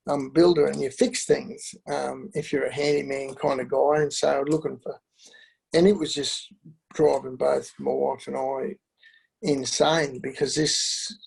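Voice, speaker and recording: A middle-aged man telling his family story in an interview, halting and candid, with many fillers and restarts. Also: mid-range voice, little pitch movement, creaky, darkish tone, breathy edge, poor audio. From Australia. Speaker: interview guest.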